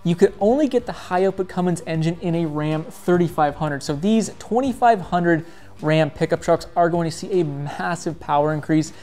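A man's voice: on the high side, normal speed. A man in his thirties, a diesel mechanic, talking energetically in a vlog from a truck repair shop. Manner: energetic, emphatic, talks with his hands. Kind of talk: explanatory vlog talk.

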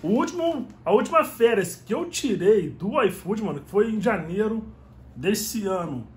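A Brazilian delivery rider vlogs casually to a phone camera held at arm's length in a small room at home, his high voice a little slow and roomy. He's animated and gesturing, using slang and saying "mano" over and over.

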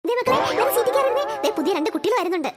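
A woman's voice: very high-pitched, sing-song, very fast, over loud music. A woman voicing a cheerful female preschool teacher in a cartoon, coaxing crying children in a sing-song Malayali way. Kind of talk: cartoon voice acting.

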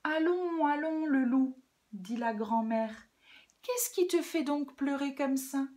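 A gentle, sly old grandmother from a children's storybook, voiced by a woman in a soft, soothing tone and a high register. She takes her time with each phrase. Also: lively intonation, slow.

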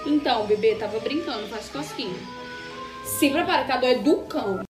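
A woman's voice: on the high side, brisk, pitched below the performer's own voice, close to an everyday voice. A woman acting out comedy sketches, blunt and sarcastic, flipping from sweet baby talk to threats. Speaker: comedy sketch performer playing a nurse and a lifeguard. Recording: echoey room with loud music.

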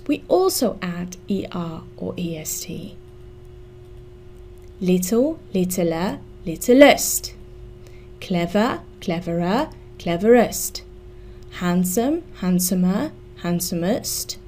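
A woman giving a scripted English grammar lesson, spelling out letters slowly and carefully. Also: fairly low pitch, big pitch swings, mellow, slight background noise.

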